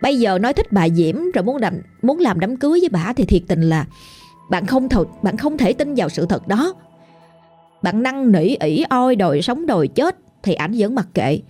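Woman, Southern Vietnamese accent, ghost story narrator, warm mellow voice, faint music behind. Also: mid-range voice, very animated, moderate pace, husky. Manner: chatty, colloquial, addressing the listener directly.

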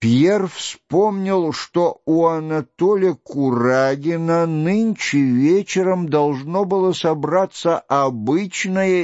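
A man reading a classic novel aloud in slow, measured literary narration. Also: no echo, dull audio. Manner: slow, measured reading, voicing quoted shouts louder and higher. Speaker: audiobook reader.

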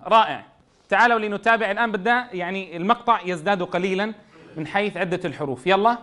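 A middle-aged man teaching a classroom phonics lesson. He spells syllables aloud in a slow sing-song and explains quickly in between. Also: high-pitched, sharp tone. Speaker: Quran reading teacher.

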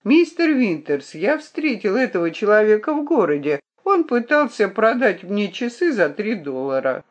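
A man's voice: high-pitched, big pitch swings, moderate pace, highs cut off. A reader voicing a young male gardener who speaks bluntly and directly, without preamble. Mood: explaining.

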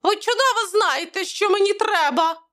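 Woman doing a shrill whining little reporter. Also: moderate pace, fairly bright tone. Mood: wheedling. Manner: shrill, squealing. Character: small plump pushy male reporter, whining.

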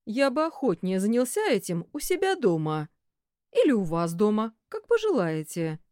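A woman's voice: medium pitch, very animated, moderate pace, a little mellow, no room sound, clean studio sound, pitched above the performer's own voice, close to an everyday voice. Woman reading as a brusque male boss. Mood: indignant. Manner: indignant, rough. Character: brusque middle-aged male commercial director.

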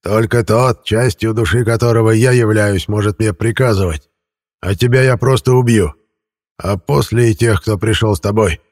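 A croaking, gloating ghost of a bald old man, as a male audiobook reader puts him on, menacing and hungry to kill. The voice sits low and husky, close and dry. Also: normal speed, a little mellow, dry recording, close to an everyday voice. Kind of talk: audiobook character voice.

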